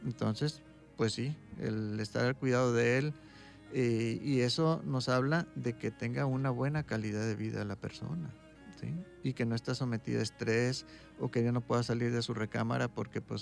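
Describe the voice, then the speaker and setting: Gravelly man, calm explainer. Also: mid-range voice. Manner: calm, explaining, tags points with "¿sí?". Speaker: doctor, guest expert. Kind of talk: explanatory interview talk.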